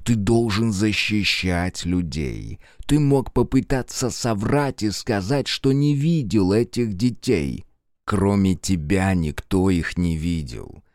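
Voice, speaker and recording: A man voicing a calm, cruel clawed man who threatens in a slow, low, hissing drawl. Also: no echo, studio quality. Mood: menacing.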